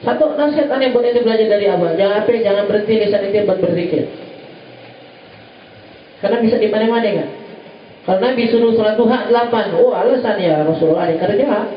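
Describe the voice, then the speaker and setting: A man's voice: sits high, fast, slight background noise. A man giving a sermon at a religious gathering, teasing in casual slang and mimicking voices. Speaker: preacher. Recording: distant, roomy, dull lo-fi recording.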